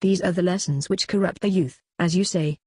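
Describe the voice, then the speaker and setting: A reader voicing an aged philosopher on trial, cross-examining his accuser in a measured, questioning way in a dramatic reading. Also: mid-range voice, a little mellow, breathy edge, no echo, clean studio sound, natural voice. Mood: probing. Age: older. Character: aged male philosopher on trial, probing, ironic. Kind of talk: dramatic reading of a classical dialogue.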